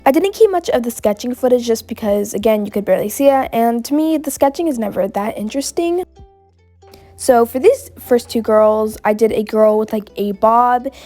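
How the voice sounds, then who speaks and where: A woman's voice: on the high side, normal speed, mellow, soft background music. Bubbly woman with a cold narrating art. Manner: bubbly and gushing. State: has a cold. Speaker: art vlogger. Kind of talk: casual voice-over narration of a drawing.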